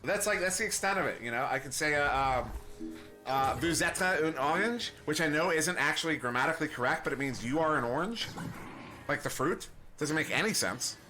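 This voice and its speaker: A man's voice: fairly high pitch, lively intonation, fairly quick, pushed and bright, soft background music. A young American man doing casual play-by-play commentary on an esports match, rambling and self-deprecating, often chuckling. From United States. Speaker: esports caster.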